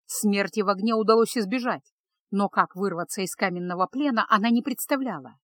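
A woman's voice: medium pitch, a little fast, fairly bright tone. Woman narrating a fantasy audiobook. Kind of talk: storybook narration.

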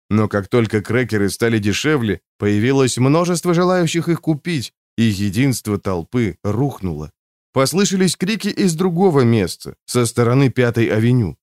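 A man narrating a novel as an audiobook, with an expressive reading. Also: medium pitch, normal speed, no echo, studio quality.

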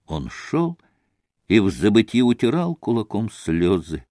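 A man's voice: unhurried, no echo. Male audiobook narrator, dramatic, very wide-ranging intonation, dry close recording. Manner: highly expressive, dramatic. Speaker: audiobook reader. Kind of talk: classic novel audiobook narration.

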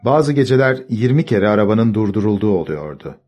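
Low-voiced man reading a story aloud. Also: brisk, breathy edge, faint music behind. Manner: calm, steady reading, voicing characters. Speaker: audiobook narrator. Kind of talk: scripted storybook narration.

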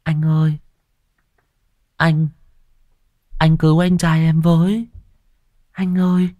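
A man's voice: fairly high pitch, little pitch movement, slow pace, warm tone, long reverb tail, voice pushed up. A man voicing the ghost of a small boy of about five or six, sobbing and pleading. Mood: tearful pleading.

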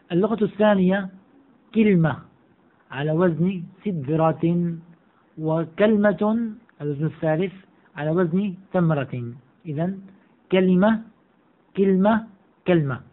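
A man teaching a classical grammar text, reading each line aloud and then explaining it and repeating the examples slowly. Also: fairly high pitch. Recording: tinny, phone-like audio.

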